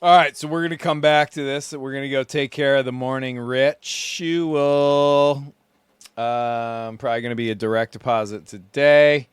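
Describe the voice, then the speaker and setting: A man's voice: mid-range voice, steady tone, normal speed, clean tone, no echo, clean studio sound. A sleep-deprived man hosting a podcast, rambling groggily to himself as he sails. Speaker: podcast host, solo sailor. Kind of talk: casual self-recorded monologue. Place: small sailboat at sea.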